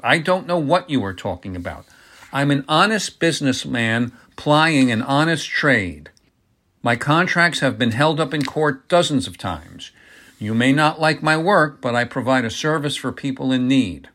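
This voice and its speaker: A man's voice: mid-range voice, a little slow, sharp tone. A man reading the part of a pompous, cornered middle-aged businessman who grows defensive and flustered when pressed.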